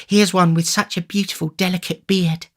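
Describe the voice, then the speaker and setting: Man doing a high-voiced, fawning young woman. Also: level tone, normal speed. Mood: doting, coaxing. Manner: coaxing, fawning. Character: doting, coaxing young servant woman. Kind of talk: audiobook character voice.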